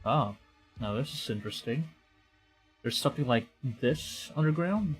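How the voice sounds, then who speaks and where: With lively intonation and a breathy edge, a Filipino man reads a visual novel aloud on stream and mutters reactions between lines. His voice is mid-range at a moderate pace, and the audio is poor, with game music behind him.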